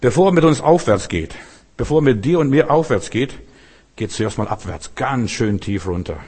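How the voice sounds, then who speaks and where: Husky preacher guy, fervent sermon, loud then quiet, keeps asking the listener stuff. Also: lively intonation, normal speed. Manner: fervent, swings between loud outbursts and low murmurs; addresses listener directly with questions.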